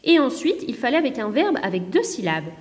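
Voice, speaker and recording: A woman's voice: fairly high pitch, big pitch swings, a little fast, big-room sound. A woman teacher going over a lesson correction for young pupils, patient and careful, sounding words out syllable by syllable. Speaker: primary school teacher.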